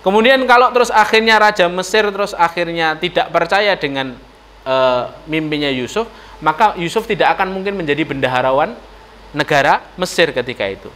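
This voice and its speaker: A man with a Javanese accent giving a lively storytelling sermon in a mosque, often turning to address the ladies in the audience. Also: fairly high pitch, brisk. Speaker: preacher. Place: mosque hall.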